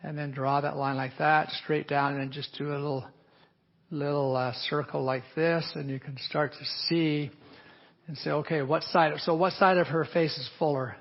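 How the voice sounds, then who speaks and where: A man's voice: fairly high pitch, steady tone, normal speed. A man who works as an aesthetic physician, explaining a treatment plan while he marks up a patient in a live teaching demonstration, often hedging with "a little bit". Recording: dull lo-fi audio.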